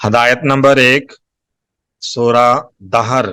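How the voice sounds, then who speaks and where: A man with a Pakistani Urdu accent gives a recorded lecture on Quran recitation, speaking at a middling pitch. He goes slowly, repeats each key word and stretches example words out syllable by syllable. The sound is close and dry with no room echo. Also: fairly even intonation, sharp tone, smooth.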